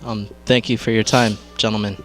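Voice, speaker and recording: A man's voice: on the low side, little pitch movement, moderate pace, over music. A man working as a backstage interviewer, asking polite, brief questions.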